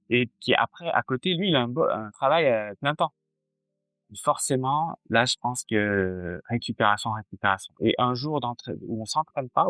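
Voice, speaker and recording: A man's voice: medium pitch, fairly bright tone, no room sound. A man in his forties, a cardiologist guest chatting casually in an interview, hesitant with many fillers and restarts.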